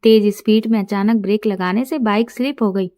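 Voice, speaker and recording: A woman telling a first-person story in a calm, confiding storytelling manner. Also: mid-range voice, moderate pace, no echo.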